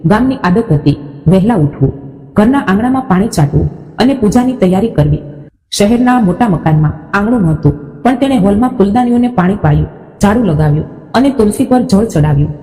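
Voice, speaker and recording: Calm storybook narrator, woman, dark mellow tone, reverberant. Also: mid-range voice, brisk.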